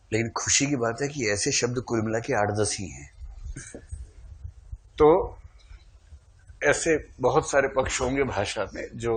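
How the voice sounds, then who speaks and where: A man teaching a classroom lecture, animated, quizzing the class with questions. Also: medium pitch.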